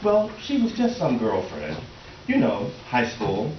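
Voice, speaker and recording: A man with a medium-pitched voice and huge pitch swings plays a mild, defensive middle-aged husband in a readers theater comedy, matter-of-fact, a little awkward and halting when flustered. The stage recording sounds roomy, distant, noisy and dull.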